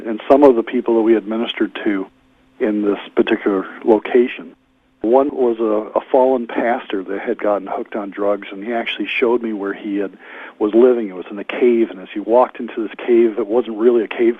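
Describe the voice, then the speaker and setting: A man who is a guest on a radio show, telling his testimony in an earnest, animated way and acting out the dialogue. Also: fairly low pitch, husky, no echo. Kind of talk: testimony storytelling. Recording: tinny phone line.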